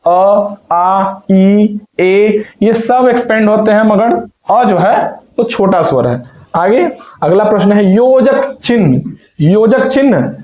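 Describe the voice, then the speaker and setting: Male tutor, high voice, warm with pupils, self-quizzing, dull echoey room sound. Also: expressive, takes it slowly. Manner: asks and answers his own questions; addresses students affectionately. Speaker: teacher. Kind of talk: exam paper walkthrough lesson. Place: filmed room with a camera operator.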